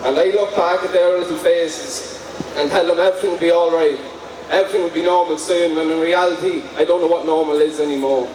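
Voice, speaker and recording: A man with an Irish accent delivers a prepared, personal rally speech in a slightly high voice. The sound is echoey and a little distant, with clear background noise. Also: steady tone, fairly quick. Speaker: speaker at a rally.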